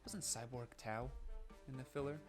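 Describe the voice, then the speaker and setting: Through a quiet laptop mic, a Canadian man with a mid-range voice and a somewhat New York-like accent talks at normal speed with fairly even intonation. His let's-play commentary is casual, rambling, self-aware, and chatty with filler restarts, while game music plays behind him.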